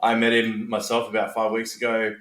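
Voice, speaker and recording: A man's voice: on the low side, completely flat delivery, a little fast, a bit bright. A man chatting casually as a podcast co-host, giving his opinions in a reflective, slightly hesitant way. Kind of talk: casual chat. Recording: roomy, echoey sound.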